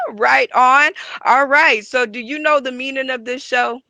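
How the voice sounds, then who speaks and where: A woman hosts a comedy show in a playful, teasing announcer manner. Her voice is bright and a bit high, and she talks slowly and deliberately. The sound is dry and close. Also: fairly even intonation, dry recording. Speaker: show host. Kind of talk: hosting a comedy showcase.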